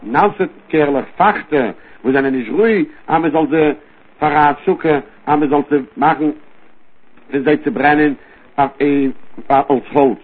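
A man teaching a Talmud study lesson with a rapid, rising and falling study cadence. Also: a little high, breathy edge. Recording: tinny phone-line recording.

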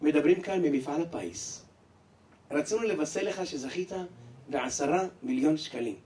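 A calm, formal office clerk, as a man puts him on, delivering good news slowly and politely. He sounds low and measured. The voice sits a little far from the mic. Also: echoey room, natural voice.

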